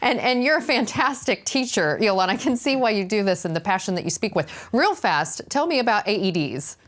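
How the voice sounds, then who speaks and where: A woman's voice: medium pitch, animated, a little fast, a bit bright. Eager American woman hosting an interview. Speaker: host. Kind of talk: casual interview chat.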